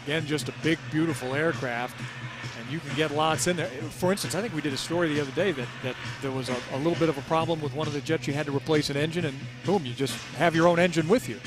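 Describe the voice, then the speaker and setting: A man's voice: a little high, fast talker, music in the background. A man hosting a live television broadcast, giving air show commentary and putting questions to a guest. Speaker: television host.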